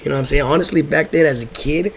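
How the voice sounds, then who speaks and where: A man's voice: fairly high pitch, fast, gravelly, a little hiss or hum. A young American man telling stories casually in laid-back stoner talk, slangy and profane, rambling and repeating himself. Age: young adult. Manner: rambling, repeats phrases, drifts off track. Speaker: host telling personal stories.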